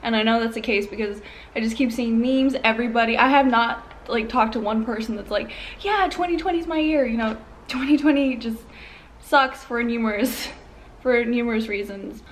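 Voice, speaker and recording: Speaking at a moderate pace in a steady, slightly high voice, a young YouTuber eats on camera at home and talks candidly, filling her chatty remarks with fillers between bites. The recording is low quality, with slight background noise indoors.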